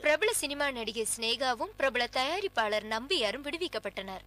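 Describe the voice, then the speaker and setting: An actress playing a television newsreader delivering a formal, measured bulletin, in a dubbed film. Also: female voice, high voice, lively intonation, over a noisy crowd. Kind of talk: news broadcast reading.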